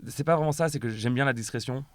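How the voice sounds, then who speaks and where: A man in casual chat, explaining his opinion in quick bursts with many restarts. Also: medium pitch, dry recording. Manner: fast, hesitant restarts, explains his taste.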